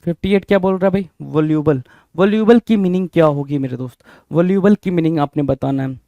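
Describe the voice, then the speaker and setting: High-voiced animated male vocabulary teacher. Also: quick pace, dry recording, highs cut off. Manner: animated, repeats words with quiz-like questions. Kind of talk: Hinglish vocabulary lesson.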